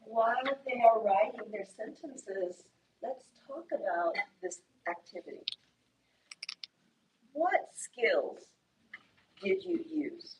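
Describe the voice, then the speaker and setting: An English teacher from Indiana, USA, a woman with an Indiana accent, leads a class patiently and encouragingly, explaining things slowly. Her voice is on the high side and animated with a darkish tone, and the audio sounds dull, captured by a distant mic in a classroom with faint noise.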